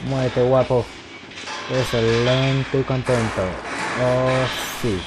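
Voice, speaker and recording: A man's voice: medium pitch, little pitch movement, slow, heavy background noise. Jokey man narrating a horror game. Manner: jokey, talks back to game characters. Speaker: gameplay commentator. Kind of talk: let's play commentary.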